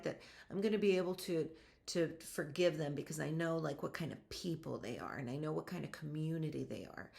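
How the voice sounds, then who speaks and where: Female podcast host, mid-pitch with vocal fry, chatty and emphatic motivational delivery. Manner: energetic, emphatic, rising to excited outbursts; chatty, addresses listeners directly. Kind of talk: motivational solo podcast talk.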